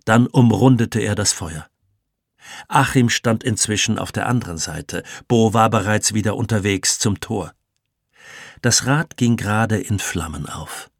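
A man reading an audiobook as narrator, calm and measured. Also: on the low side, dry recording, studio quality. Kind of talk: scripted narration.

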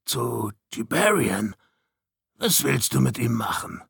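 A croaking, jittery little man, pushed well above the reader's own pitch and sounding strangely off-timbre, as a male narrator puts him on. He stammers out his words, caught between fear and scornful disgust, in a dry audiobook reading. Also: huge pitch swings, slow pace, dry recording, exaggerated voice. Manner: fearful, contemptuous. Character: small gaunt frightened man, hostile and unhinged.

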